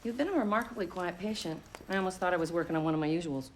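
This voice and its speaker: A woman's voice: lowish voice, rapid-fire, a little hiss or hum, lightly acted. An actress playing a dry, wry female doctor in a period TV drama.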